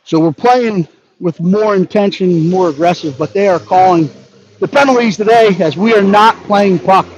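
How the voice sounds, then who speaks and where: High-voiced man calling hockey play-by-play. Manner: brisk running narration of each pass, partisan toward the home team. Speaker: play-by-play announcer. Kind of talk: live hockey play-by-play commentary. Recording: dull lo-fi audio with faint background noise.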